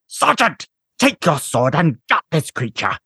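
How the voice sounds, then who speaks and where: A man's voice: on the high side, wildly swooping pitch, a little slow, vocal fry, bright, forceful tone, slightly rough, no echo, studio quality, pitched above the performer's own voice, heavily acted. A man reading a story aloud, voicing a furious, proud male noble commander who barks outraged threats. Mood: commanding.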